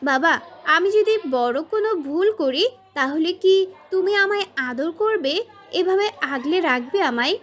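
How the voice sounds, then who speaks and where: A woman playing a soft, pleading young daughter. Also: very high-pitched, lively intonation, unhurried, voice pushed up. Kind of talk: audio story acting.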